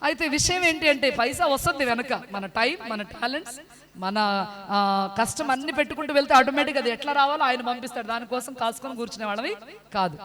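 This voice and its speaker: Fast-talking fervent woman giving testimony. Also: high-pitched, a bit bright. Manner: earnest and fervent, asks listeners questions. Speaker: church member giving testimony. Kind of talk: spoken personal testimony.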